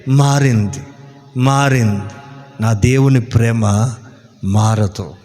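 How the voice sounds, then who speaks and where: A male pastor preaching a sermon with many rhetorical questions, speeding up when he argues and slowing down to stress key words. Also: mid-range voice, soft background music. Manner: animated preaching, rhetorical questions, slows for emphasis. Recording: long hall reverb.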